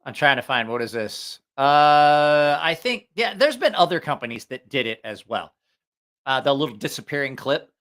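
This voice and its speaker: A man with a slightly high, swooping voice and fairly bright tone hosts a casual livestream reviewing knives, moving at a moderate pace. He's profane and jokey, rambles off on tangents, and sounds a bit short of breath from allergies.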